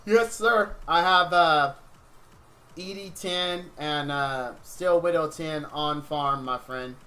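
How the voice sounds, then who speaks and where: Tired male streamer, slightly high and bright, loose rambling chat with viewers over gameplay. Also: slow pace, faint music behind. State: tired, yawning. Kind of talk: casual game-stream commentary.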